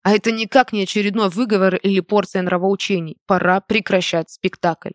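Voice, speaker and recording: An audiobook reader narrating a first-person novel in a measured, even way, recorded close to the mic. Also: medium pitch, no room sound.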